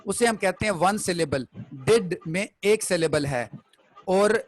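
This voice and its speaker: A man's voice: sits high, unhurried, dry recording, poor audio. A man teaching a classroom poetry lesson. He explains step by step and keeps checking that the students follow.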